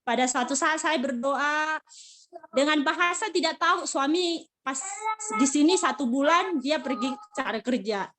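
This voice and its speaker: An earnest woman gives a heartfelt church testimony over a video call. Her voice sits high and bright, and she repeats phrases as her feelings rise. It sounds like casual, home-recorded talk. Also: moderate pace. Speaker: church member sharing testimony.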